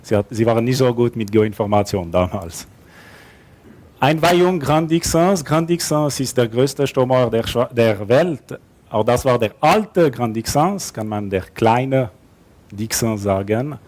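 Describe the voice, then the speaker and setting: A man with a mid-range, slightly dark voice speaks at a measured pace, giving a slide-based conference talk in a conference hall through a headset or lapel mic. His German is hesitant and non-native, with grammar slips and fillers, and he adds light self-deprecating humor.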